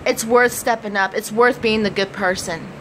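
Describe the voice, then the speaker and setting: A woman's voice: mid-range voice, fairly even intonation, normal speed, a bit bright, low-quality recording. A young American woman talking casually as a vlogger, with a preppy-sounding voice and a blunt, sweary manner. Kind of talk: casual personal vlog talk. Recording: faint background noise.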